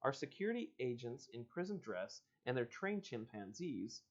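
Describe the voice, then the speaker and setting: In a storybook reading, a man gives voice to a courteous, evasive spokesman for a secretive organization, speaking formally and politely as he delivers a smooth recruiting pitch. His natural, mid-range voice has a sing-song lilt and a moderate pace, and the recording sounds lo-fi.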